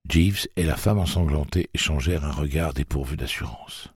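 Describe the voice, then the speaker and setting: A man reading a novel aloud as an audiobook narrator, steady and measured. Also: a bass voice, slightly rough, no room sound, studio quality. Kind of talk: scripted narration.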